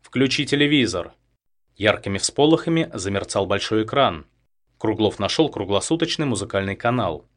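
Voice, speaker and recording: A man narrating a thriller audiobook in a steady, tense manner. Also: lowish voice, brisk.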